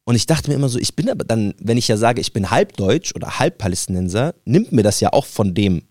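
A man from Germany chatting fast on a podcast, his low voice swinging up and down as he acts out the people in his stories. The sound is close and dry, with no room in it. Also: no echo. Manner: animated storytelling, acts out the people he quotes. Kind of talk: casual chat.

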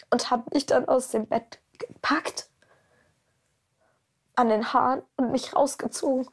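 A woman recounting her own life story in an interview, halting, repeating words and sometimes dropping to a whisper. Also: high voice, gravelly, darkish tone. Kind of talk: personal account in an interview.

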